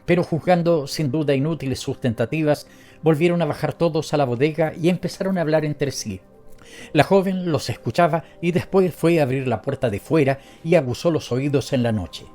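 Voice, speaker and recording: A man narrating a story as an audiobook reader, in a steady, measured way. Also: fairly high pitch.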